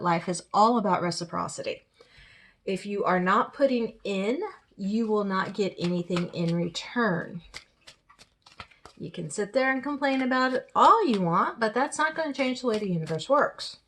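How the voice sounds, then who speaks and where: A woman's voice: mid-range voice, normal speed, a bit bright. A woman giving a spoken tarot reading with firm, direct advice. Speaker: tarot reader.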